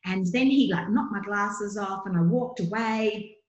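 A woman's voice: mid-range voice, measured pace, lo-fi sound. A middle-aged woman, a guest coach telling a personal story in an earnest, chatty way with many fillers. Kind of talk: casual interview storytelling. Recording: echoey room.

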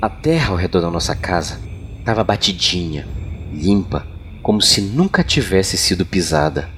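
A Brazilian man narrating as a podcast storyteller, with a sultry, deliberate, dramatic delivery of scripted horror tales. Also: low voice, sing-song, slight background noise. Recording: music bed behind voice. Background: background music.

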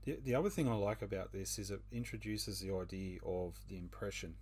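A man's voice: low-pitched, fairly quick, darkish tone, husky. A man leading a casual book discussion, thinking aloud with many fillers and hesitations.

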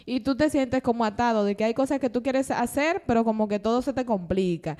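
Animated woman sharing faith stories. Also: fairly high pitch, brisk. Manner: animated storytelling, laughs often. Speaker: podcast co-host.

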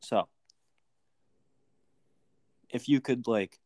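A man's voice: mid-range voice, very slow, warm tone, no echo. A young man co-hosting a podcast in casual chat, rambling and goofy, leaning on filler words as he searches for ideas. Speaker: podcast co-host.

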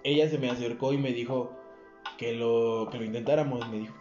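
Un hombre joven con acento mexicano que cuenta una anécdota en una charla informal, con mucha grosería y jerga, imitando las voces de otros. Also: male voice, medium pitch, steady tone, fairly quick. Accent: Mexican Spanish. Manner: crude slangy storytelling, acts out quoted voices. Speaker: podcast co-host telling a story. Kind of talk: casual chat. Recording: roomy, dull lo-fi audio with faint music.

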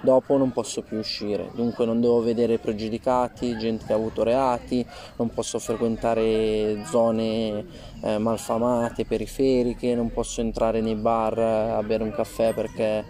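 A man giving informal, halting testimony as an interview guest outdoors, rephrasing as he goes, his voice slightly muffled by a face mask. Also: on the low side, flat delivery, dark tone. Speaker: interview guest telling personal experience. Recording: faint outdoor ambient noise. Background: outdoor ambient noise.

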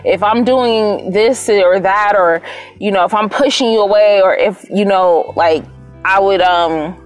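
A young woman, hosting a podcast and telling a personal story in a candid, profane, animated way. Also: mid-range voice. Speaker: podcast host. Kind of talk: casual storytelling monologue.

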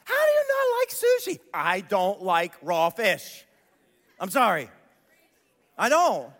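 A man's voice: high voice, huge pitch swings, slow, a bit bright. A man in his forties from Columbus preaching a sermon, telling stories animatedly and throwing rhetorical questions to the audience. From Columbus, Ohio. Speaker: pastor. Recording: long hall reverb.

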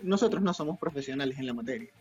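A man, co-hosting a casual chat in a calm, reflective way. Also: medium pitch, rapid-fire, husky. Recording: dull lo-fi sound with faint music.

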